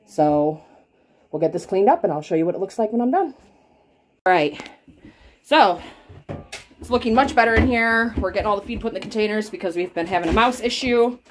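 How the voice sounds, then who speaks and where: With a medium-pitched, animated voice, a little fast and often pausing, a thirties homestead vlogger talks viewers through farm chores. She holds her phone camera while walking the barn and farmyard outdoors, explaining every step in a chatty, practical manner.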